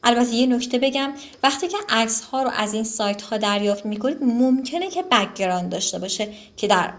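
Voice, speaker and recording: Chatty woman teaching a software lesson. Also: fairly high pitch. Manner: relaxed, chatty, with frequent fillers and self-corrections. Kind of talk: screen-recorded tutorial.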